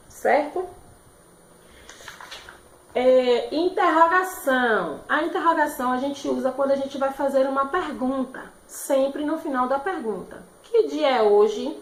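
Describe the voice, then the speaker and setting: Brazilian-sounding teacher woman, higher voice, echoey room. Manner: warm, slow and explaining, with frequent "né?" and "certo?". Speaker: primary school teacher. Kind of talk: remote class lesson.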